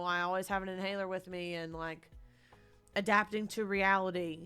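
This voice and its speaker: A woman's voice: lowish voice, a bit bright, smooth. A woman live-streaming from her living room, ranting in an exasperated way and swearing often. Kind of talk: casual live-stream commentary.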